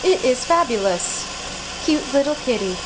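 Cooking in her small home kitchen, a young woman delivers a playful, chatty demonstration full of jokes and self-mockery, moving around all the while. She has a high voice with lively intonation at a moderate pace. A moving handheld camera mic gives noisy home audio.

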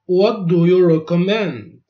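A language teacher with a fairly high voice for a man reads lesson phrases very slowly and carefully, saying each one twice. He speaks clearly and deliberately on a dull, lo-fi recording.

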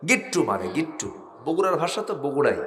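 A man with a North Bengal Bangla accent preaching a waz sermon to a crowd, switching from soft talk to shouted calls and asking the crowd to answer back. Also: on the high side, big pitch swings, a little fast, reverberant, noisy background. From Bogura, Bangladesh.

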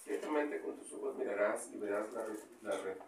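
A man's voice: on the low side, normal speed, vocal fry. A man from the congregation asking about a verse, hesitant and stammering as he reads. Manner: hesitant, stammers while reading aloud. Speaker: congregation member. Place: small church hall indoors. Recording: echoey room from far off with noise.

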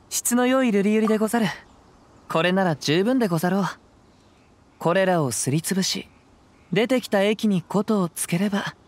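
A male actor playing a gentle, poetic young wandering samurai in a video game, speaking calm, measured, old-fashioned samurai Japanese. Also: sits high, lightly acted. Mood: calm, assured. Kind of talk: scripted game dialogue. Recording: clean voice over background music.

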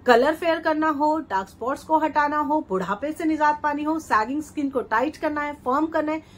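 A woman's voice: high-pitched, fairly quick. A middle-aged woman vlogger giving a chatty, persuasive home-remedy skincare tutorial, often repeating her steps. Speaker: beauty vlogger.

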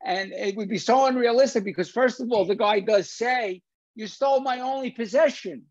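A very high male voice at a moderate pace, recorded dry. The speaker is an older film discussion host and lecturer, in his 60s or 70s, talking on a video call and repeating phrases for emphasis. His computer sits at desk distance, and the call audio is dull and lo-fi.

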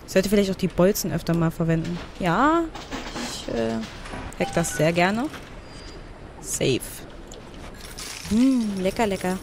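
A woman giving blind commentary on a video game, chatty, talking to the game and reading menu text out loud. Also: mid-range voice, lively intonation, a little slow, pauses often, noisy background. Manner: thinks aloud and reads game menu text out. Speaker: let's player.

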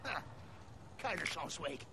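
High-strung, hunted, bossy kidnapper. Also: male voice, big pitch swings, slow pace, a crowd in the background, exaggerated voice. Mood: taunting, urgent. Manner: urgent, shouting orders while being chased. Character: gruff, taunting, bossy male armed kidnapper on the run. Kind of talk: video game voice acting. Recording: loud game music over voice. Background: loud game music.

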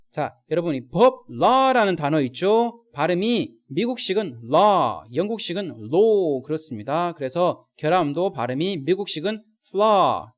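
Guy teaching vocab, kinda high voice, bouncy up and down, drills slow example lines. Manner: addresses viewers directly, slow drilled English example sentences. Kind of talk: recorded vocabulary lesson.

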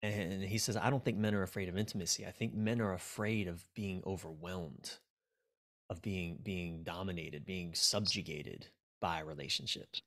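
Deep and steady, slightly bright, at an ordinary pace: that's the voice of this American man in his forties. A relationship coach guesting on a podcast, he speaks plainly and casually, musing and swearing freely, via video call from a small, dim indoor room.

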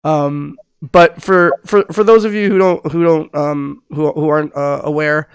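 Over a video call, a middle-aged host raised in Southern California after being born in the Philippines rambles casually through a podcast interview, restarting often and using many fillers. His fairly high voice has a clean tone, fairly even intonation and a measured pace. Recorded with headphones and a webcam studio mic, the audio is studio quality with no echo.

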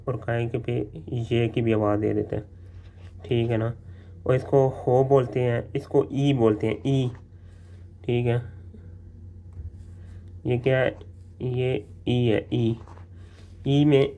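A man teaching letter sounds in a casual spoken lesson, repeating each sound slowly and often checking in with the listener. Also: medium pitch, dark tone. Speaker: language teacher.

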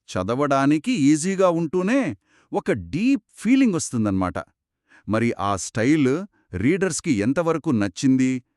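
A man's voice: a little high, darkish tone, no room sound, clean studio sound. A man co-hosting a book discussion podcast, asking follow-up questions and recapping points. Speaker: podcast co-host.

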